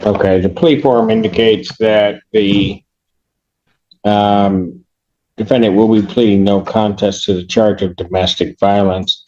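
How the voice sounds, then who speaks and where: A man serving as judge, speaking in a measured, formal way through court proceedings, heard in a courtroom recording. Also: lowish voice, flat delivery, darkish tone. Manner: measured, formal, reads plea terms aloud. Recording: muffled courtroom recording with faint clicks.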